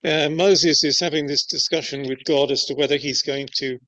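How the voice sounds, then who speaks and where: A man preaching a sermon in a measured, deliberate way with pauses. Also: on the high side, steady tone, pushed and bright. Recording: dull lo-fi recording.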